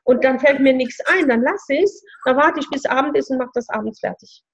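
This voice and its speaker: A woman's voice: sits high, fairly quick, breathy edge, rough recording. A woman giving instructive coaching advice in a casual conversation. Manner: explaining, instructive. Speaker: spiritual coach. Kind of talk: coaching talk.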